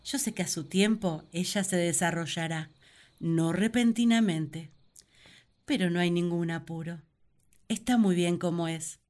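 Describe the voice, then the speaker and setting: A woman playing Eve, a devoted first woman, in a gentle, reflective and earnest radio drama monologue. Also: fairly low pitch, unhurried, close to an everyday voice. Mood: tender, reasoning.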